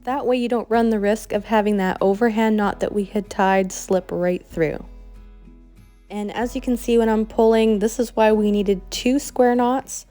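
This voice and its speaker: A woman's voice: medium pitch, fairly even intonation, normal speed, dark tone, soft background music. A woman with a Canadian accent, explaining a craft project step by step in a friendly, chatty way. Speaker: craft instructor. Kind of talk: tutorial voice-over.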